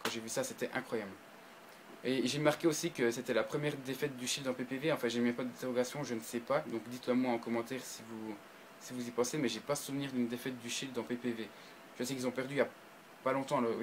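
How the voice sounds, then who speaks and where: Hesitant, excitable man reviewing. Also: medium pitch, slight background noise, poor audio. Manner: hesitant, frequent restarts and fillers, bursts of excitement. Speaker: video reviewer. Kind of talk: casual spoken review to camera.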